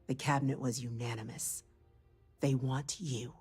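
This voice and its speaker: A woman's voice: very deep voice, fairly even intonation, normal speed, a little mellow, breathy edge, soft background music, full character voice. An actress voicing a female government official in a video game, speaking in a formal, official manner.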